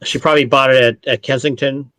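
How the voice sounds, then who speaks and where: A Canadian-raised man at the middle of the male pitch range talks through a relaxed video-call tasting. He explains at length, often stopping to correct himself. The recording is close and dry, with no room sound. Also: quick pace, no echo. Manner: explanatory, rambling, with frequent self-corrections. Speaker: distillery brand ambassador. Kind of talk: casual online tasting chat.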